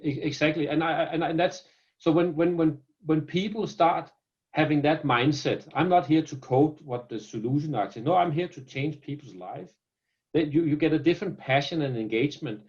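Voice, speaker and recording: Speaking at a normal pace in a slightly high, somewhat mellow voice, a Danish founder talks earnestly in a business interview over video call. He has a Danish accent and often repeats words on restarts, and the highs are cut off.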